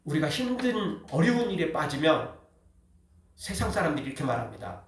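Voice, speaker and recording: A man's voice: a little high, very animated, a little fast, slight background noise. A male pastor preaching a sermon with emphasis, often dropping a short "yes" between phrases. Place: church sanctuary. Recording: very echoey hall, distant mic.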